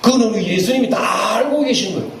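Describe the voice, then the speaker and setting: Man, pastor, lively swooping sermon, questions to the congregation, very echoey church hall, distant mic. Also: sits high, a little fast, creaky. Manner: animated preaching with questions to the congregation and acted-out asides. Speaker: senior pastor. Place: church sanctuary. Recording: echoey church hall, picked up from a distance, faint room noise.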